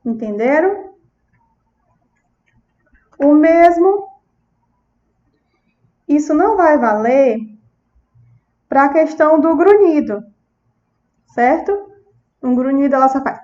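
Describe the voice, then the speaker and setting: A Brazilian woman with a high voice lectures as a speech therapist, acting out words and sounds for a child and checking in with her listeners. The recording sounds a little dull. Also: animated, takes it slowly, long pauses, dark tone. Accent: Brazilian Portuguese. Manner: checks in with the audience often. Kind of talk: lecture with demonstrations.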